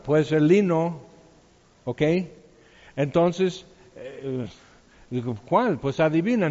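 Man, Bible teacher, conversational sermon, fairly high voice, muffled lo-fi sound. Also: mellow. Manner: conversational, chuckles, asks listeners questions. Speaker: preacher. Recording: dull sound with long hall reverb.

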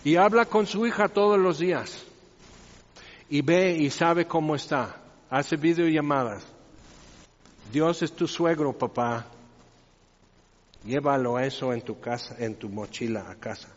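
A man's voice: a little high, measured pace, pauses often. A man preaching a sermon in a conversational way with wry asides, recorded in a church hall. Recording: reverberant hall, dull lo-fi sound.

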